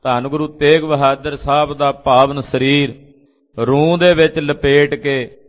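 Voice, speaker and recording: A man's voice: a little high, fairly even intonation, a little slow. A male preacher tells a sacred story in a lilting, half-chanted way, explaining scripture line by line. His voice carries a long reverberant tail, as if in a big hall, and the sound is dull and lo-fi. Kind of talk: Sikh scripture exposition.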